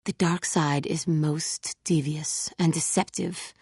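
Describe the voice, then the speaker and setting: A repentant, tormented fallen Jedi woman from a fantasy video game speaks earnestly and resolutely in an exaggerated voice that is low, very husky and a little mellow. Her intonation is fairly even, and her solemn, formal phrasing avoids contractions, heavy with guilt and pride. The studio-quality audio is echo-free.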